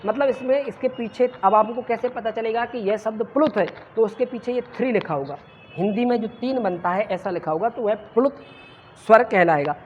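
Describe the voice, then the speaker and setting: Higher-pitched woman teaching a classroom lesson. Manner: quizzes the class and answers her own questions; drawn-out sounds in demonstrations. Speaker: Sanskrit teacher. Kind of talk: classroom lecture. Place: classroom with students present. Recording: muffled lo-fi with faint noise.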